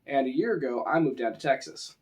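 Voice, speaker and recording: With a Western American accent, a man from the western US gives an informal, conversational lesson on tabletop roleplaying. His voice is medium-pitched, expressive, and darkish, moving a little fast.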